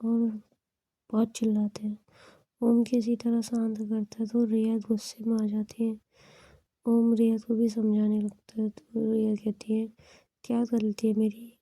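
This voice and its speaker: A woman retelling a love story in casual speech, giving dialogue in a flat, hushed way. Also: on the high side, unhurried, no room sound, poor audio. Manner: flat retelling with quoted dialogue, often near a whisper.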